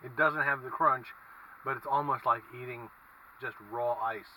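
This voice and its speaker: A man giving a casual food review as he eats, speaking in a halting, musing way inside a car. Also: medium pitch, fairly even intonation, bright, forceful tone. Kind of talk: casual vlog review, talking while eating. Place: inside a parked car with windows down. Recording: distant mic, faint car and traffic noise.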